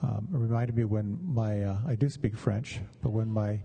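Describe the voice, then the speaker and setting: A meditation teacher gives a conversational dharma talk, sharing personal stories with students. His voice is deeply mellow and relaxed, husky with a creaky edge, and he speaks in a measured, halting way that leaves space between phrases, on a lo-fi recording.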